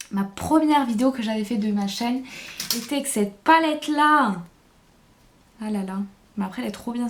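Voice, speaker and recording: A woman's voice: a little high, a little hiss or hum. A woman vlogger chatting casually through a makeup tutorial, hesitant and thinking aloud as she goes. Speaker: beauty vlogger.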